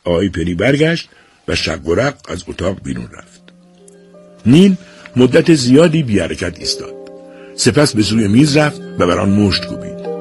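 A man narrating an audiobook in a measured storytelling manner. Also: on the low side, sing-song, soft background music. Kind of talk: scripted narration.

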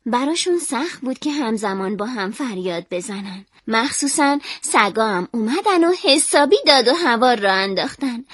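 A woman calmly and expressively reading a children's story aloud. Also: a little high, few pauses, slightly rough, dry recording, clean studio sound.

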